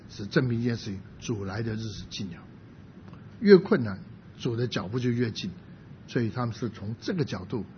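A man preaching a sermon, his voice sitting at an ordinary middle pitch. He works through his points with rhetorical questions and now and then slips in an English word. The recording sounds muffled and lo-fi, with a faint low rumble underneath. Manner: explains by asking rhetorical questions; drops in English words.

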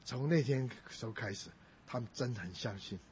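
A man's voice: medium pitch, brisk, darkish tone, a little hiss or hum. A middle-aged male pastor preaching a sermon, telling a family story and raising his voice when he quotes people. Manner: storytelling, quoting others in a raised voice. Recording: dull lo-fi recording.

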